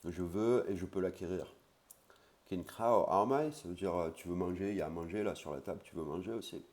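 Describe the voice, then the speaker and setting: A Thai language teacher with a very low voice gives a relaxed lesson. He spells out each Thai word slowly and carefully, then explains it casually, sprinkling in fillers like "hein" and frequent "voilà"s.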